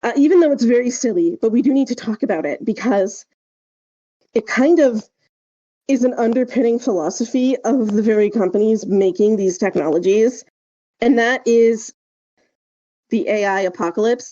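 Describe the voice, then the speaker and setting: A podcast host, a woman with a fairly high yet very mellow, soft-edged voice, talks through ideas at a moderate pace. She's casual and emphatic, hedging with frequent "like" and "right?" and other conversational fillers as she explains. The sound is slightly dull and lo-fi.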